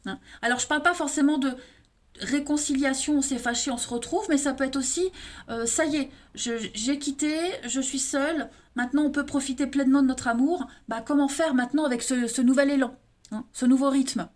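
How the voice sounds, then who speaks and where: A woman's voice: sits high, fairly even intonation, brisk. A woman with an eastern French accent giving a monthly tarot card reading, talking straight to viewers and often tagging her sentences with "hein". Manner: addresses viewers directly, frequent tag "hein". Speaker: tarot reader.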